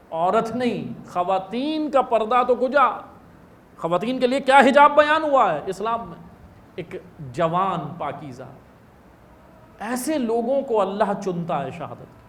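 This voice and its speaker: A man's voice: high-pitched, fairly bright tone, slight background noise. A male religious scholar giving an impassioned sermon in a hall, telling a story and acting out its dialogue. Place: prayer hall.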